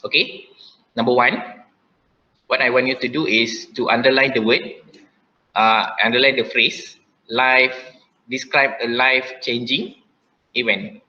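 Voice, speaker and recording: A man's voice: medium pitch, steady tone, measured pace, long pauses, sharp tone, highs cut off. A male teacher with a Malaysian English accent gives an online class lesson. He often says "okay" and repeats his instructions step by step.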